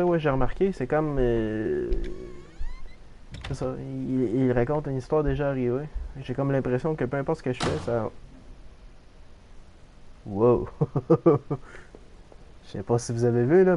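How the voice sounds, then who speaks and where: A man's voice: medium pitch, normal speed, warm tone. A man with a Québécois French accent, casually commenting on a game for viewers and swearing freely. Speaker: game streamer.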